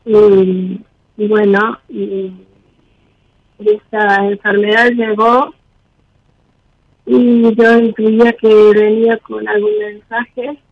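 A woman calls in through a wireless headset that turns her voice thin, tinny and distorted. She talks slowly and hesitantly, with a gravelly edge. The sound is dry and close. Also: mid-range voice, level tone, dry recording. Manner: hesitant, soft-spoken, with many fillers. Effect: distorted wireless headset on a phone call. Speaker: caller. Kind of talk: call-in conversation. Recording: distorted phone-line headset audio.

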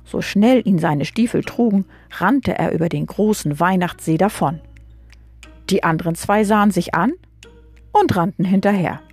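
A woman's voice: on the low side, moderate pace, darkish tone, breathy edge, soft background music. Woman reading a children's story aloud. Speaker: reader of a children's book.

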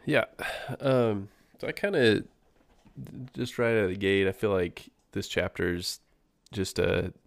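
A man's voice: on the low side, a little slow, gravelly, no room sound. A man co-hosting a book podcast, talking in an easygoing way with many fillers and sports comparisons. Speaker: podcast co-host. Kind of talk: casual podcast discussion.

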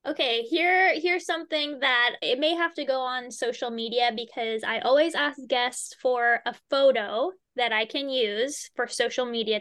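A woman's voice: high-pitched, fairly bright tone. A woman hosting a podcast, chatty and enthusiastic as she introduces her guests. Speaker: podcast host. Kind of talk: warm conversational podcast hosting.

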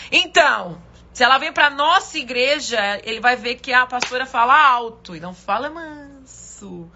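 A middle-aged woman pastor, giving a casual devotional talk in a loud, forceful way. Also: high-pitched, expressive, measured pace, highs cut off, a little hiss or hum. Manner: loud, forceful, talks with her hands.

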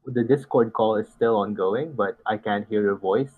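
A man's voice: on the low side, moderate pace. A man speaking as a game developer guest in a casual interview over a voice call with a bad, dropping connection. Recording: dry, tinny online call line.

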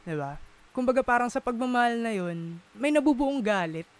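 High-pitched guy chatting casually, lots of filler words, mixing in english. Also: lively intonation, normal speed. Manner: searching for words, many fillers, Taglish code-switching. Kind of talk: casual conversation.

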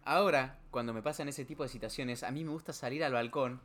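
A young man with a Rioplatense Spanish accent co-hosting a podcast in casual chat, talking animatedly and getting loud when he acts out his own words, recorded over a video call. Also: medium pitch, fast. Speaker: podcast co-host.

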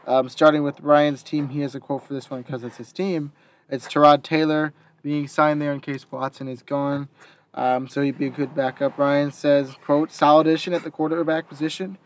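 A man's voice: on the high side, level tone, normal speed. A young man hosting a casual sports talk, reading out quotes and then giving his opinion with some hesitation. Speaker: podcast host.

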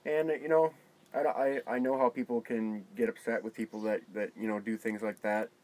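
A man speaking as an interview guest in a casual chat, halting and repeating words as he goes. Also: on the low side, fairly even intonation, a little mellow, low-quality recording.

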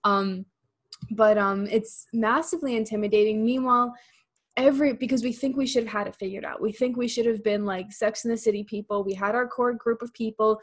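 A woman's voice: fairly high pitch, steady tone, a little fast. A woman in her twenties hosting a podcast, chatting casually and filling her talk with "like". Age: 20s. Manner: chatty, many fillers like "like". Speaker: podcast host.

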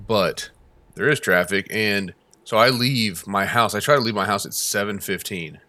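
A man co-hosting a podcast, chatting casually and telling stories with emphatic, animated rants. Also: on the low side, normal speed, dry recording. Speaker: podcast co-host. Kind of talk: casual chat.

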